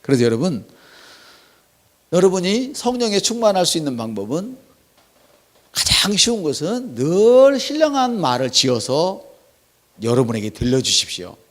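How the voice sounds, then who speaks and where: Male pastor, preaching sermon, lively swinging pitch, fairly high voice. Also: normal speed, long pauses. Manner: animated preaching with acted quotes.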